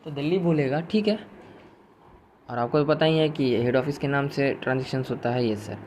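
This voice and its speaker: A man's voice: medium pitch, normal speed, a little mellow, a little hiss or hum. Chatty man teaching an accounting lecture. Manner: chatty, mixes English terms, answers imagined student questions. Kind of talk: recorded lecture.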